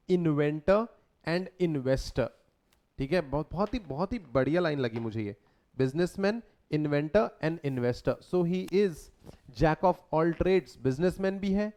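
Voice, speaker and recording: A male teacher gives a slow, deliberate lecture. His voice sits a little high for a man, and he keeps turning to his students with questions. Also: a little mellow. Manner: conversational, quizzes students with questions. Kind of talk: lecture mixing Hindi and English.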